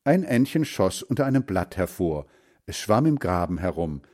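Brief: male storybook narrator, low, warm, unhurried, lively intonation. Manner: slow, expressive reading. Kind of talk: storybook reading.

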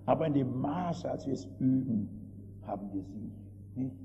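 An older man preaching a sermon with emphasis, dropping to quiet asides and rising to loud exclamations, often turning to his listeners with rhetorical questions. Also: medium pitch, expressive, normal speed, vocal fry, soft background music. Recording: dull old recording with long reverb and faint hiss.

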